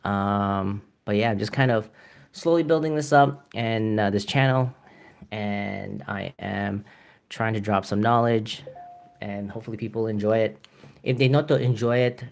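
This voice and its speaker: A man's voice: fairly low pitch, gravelly. A Canadian man chatting casually to viewers as he paints live, rambling with many fillers and chuckles. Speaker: artist streaming live. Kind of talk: casual live-stream chat while painting.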